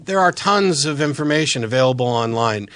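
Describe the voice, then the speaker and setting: A man's voice: mid-range voice, lively intonation, brisk, fairly bright tone. A man hosting a live call-in debate, speaking in a blunt, insistent and argumentative way. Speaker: call-in show host.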